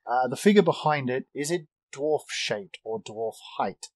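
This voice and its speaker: A man describing his character's actions as a tabletop game player, measured and matter-of-fact. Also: medium pitch, animated, no room sound.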